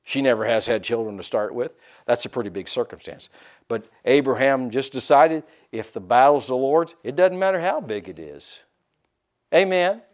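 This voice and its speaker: A man pastor preaching a sermon in a folksy, animated way, acting out quotes and leaning on "you know". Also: mid-range voice, moderate pace.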